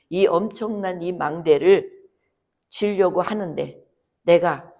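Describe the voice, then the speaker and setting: Woman preaching, swinging from whisper to fervor. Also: vocal fry. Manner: rises to loud, high impassioned pleading, drops to near whisper. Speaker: pastor. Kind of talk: sermon. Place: church sanctuary.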